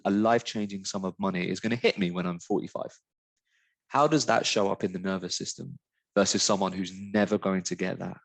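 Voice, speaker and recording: A very low-pitched man from the UK muses aloud as a mindfulness teacher in a webinar. He talks in a searching, earnest way, full of "like" and "um" and restarts. The sound is close and dry, with no room around it. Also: creaky, no echo. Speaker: mindfulness teacher, company founder. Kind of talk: reflective webinar conversation.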